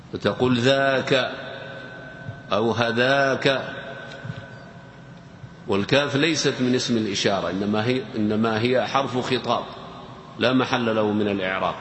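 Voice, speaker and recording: A male teacher giving a formal grammar lecture at a measured pace and an ordinary pitch. Each point and example comes twice, as if for note-takers. His voice carries a long reverb through a large hall, over a faint background hiss. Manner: slow, deliberate, repeats key words and examples. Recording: echoey hall with faint noise.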